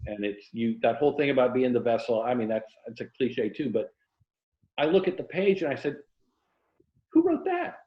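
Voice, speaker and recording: This American interview guest, a writer from Tampa, Florida, has a mid-range voice with big pitch swings at normal speed. Wry and self-deprecating, he chats casually on an indoor video call, then reads from his novel, and the audio is roomy and muffled.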